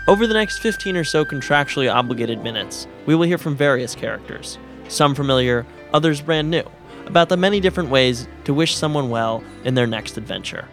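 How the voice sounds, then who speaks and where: A man hosting a podcast, speaking in a dry, wry scripted way. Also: medium pitch. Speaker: podcast host.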